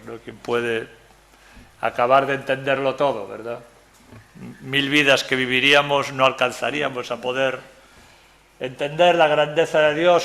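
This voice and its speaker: An older preacher from Galicia, Spain leads a Bible study in a church meeting room, his mid-range voice gravelly yet bright. He keeps things chatty, jokes with the audience, and often checks in by asking "¿verdad?"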